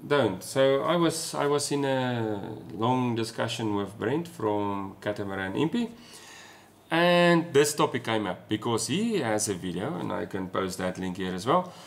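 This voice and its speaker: A man's voice: medium pitch, expressive, unhurried, creaky. Man with an Afrikaans South African accent. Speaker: sailing vlogger. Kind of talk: casual explanatory chat to camera. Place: small room at home, indoors.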